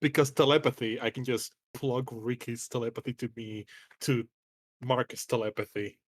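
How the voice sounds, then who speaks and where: A man's voice: mid-range voice, fairly even intonation, husky, no echo. A man playing a tabletop game, joking playfully with the group. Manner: playful, quick jokes. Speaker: player. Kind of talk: casual tabletop play.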